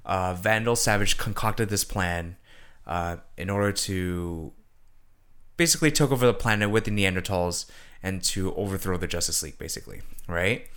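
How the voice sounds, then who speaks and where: A man's voice: low-pitched, normal speed, a bit bright, smooth. A man co-hosting a podcast, rambling casually with many fillers and hedges. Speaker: podcast co-host. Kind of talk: casual chat.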